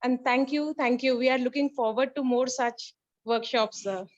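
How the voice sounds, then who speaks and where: Female attendee, Indian accent, high pitch, spontaneous feedback, dull web-call recording. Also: steady tone, normal speed. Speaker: workshop participant. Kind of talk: informal spoken feedback. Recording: dull lo-fi web conference audio.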